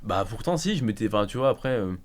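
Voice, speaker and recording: A man's voice: lowish voice, expressive, quick pace, a little hiss or hum. A man, co-hosting a casual podcast chat, rambling with many fillers and restarts. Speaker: podcast co-host. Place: podcast studio.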